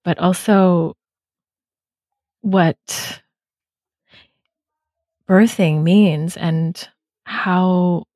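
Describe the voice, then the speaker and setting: A woman's voice: fairly low pitch, fairly even intonation, drawn-out words, pauses often, mellow, dry recording. A woman hosting a podcast conversation, speaking in a thoughtful, reflective way. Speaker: podcast host. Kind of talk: casual conversation.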